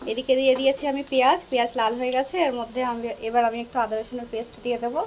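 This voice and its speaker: A young woman with a high voice talks casually at home, narrating her cooking in small steps. She keeps turning to coax her little daughter in a fond, chatty way. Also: fairly even intonation, very fast, slight background noise. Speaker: vlogger and mother. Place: home kitchen.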